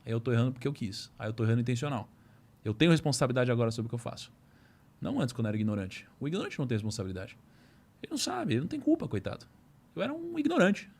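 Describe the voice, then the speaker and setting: A man's voice: mid-range voice, vocal fry, darkish tone, slightly rough. A man hosting a podcast, talking in a casual, slangy and earnest way. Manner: slangy and earnest, says "mano" and "cara" often. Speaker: podcast host.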